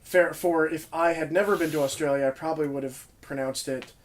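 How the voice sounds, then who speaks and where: A man's voice: on the high side, fairly even intonation, fairly quick. A young man with a slightly raised voice hosts a podcast, chatting loosely about old tours. He rambles through his stories and laughs easily along the way. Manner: rambling, laughs often while telling tour stories. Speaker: podcast host. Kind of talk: casual chat.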